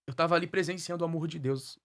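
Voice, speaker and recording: A man speaking quickly in a fervent preaching rhythm, his voice a little above the usual male pitch. He tells his story as a testimony and circles back on key phrases to drive them home. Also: fairly even intonation, fairly bright tone. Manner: fervent, repeats phrases for emphasis. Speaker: guest minister sharing his life story. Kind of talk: emotional testimony with preaching cadence.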